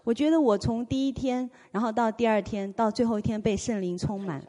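A woman's voice: fairly high pitch, steady tone, fairly quick, dark tone, in a large hall. A woman giving an emotional, earnest spoken testimony in a church, her voice rising and falling with feeling. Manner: emotional, earnest, reenacts her own cries.

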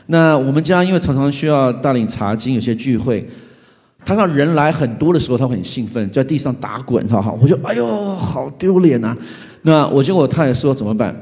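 A middle-aged pastor giving an animated testimony sermon, acting out his own reactions as he tells the story. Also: medium pitch, fast talker. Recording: long hall reverb.

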